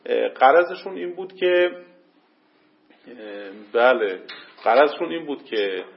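A man teaching a seminary class, reading out Arabic passages and explaining them, with pauses and questions to his students. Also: medium pitch, expressive, creaky. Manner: hesitant fillers, questions to the class. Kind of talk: classroom lecture on a legal text. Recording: dull lo-fi classroom recording.

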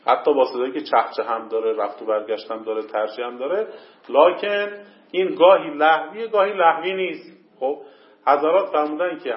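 A man teaching a seminary class, reading out Arabic passages and explaining them, with pauses and questions to his students. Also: medium pitch. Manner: hesitant fillers, questions to the class. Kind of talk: classroom lecture on a legal text. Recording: dull lo-fi classroom recording.

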